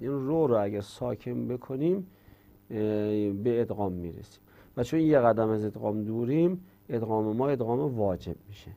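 Gravelly, dark-voiced male grammar teacher. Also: mid-range voice. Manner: recites verb conjugations in a steady drone, then explains step by step. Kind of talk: religious-school grammar lesson.

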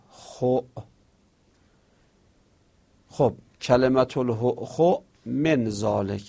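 Gravelly man teaching a seminary lesson. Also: medium pitch, warm tone. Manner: reads Arabic lines slowly, then explains them in casual speech. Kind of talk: classroom lecture reading and explaining an Arabic text.

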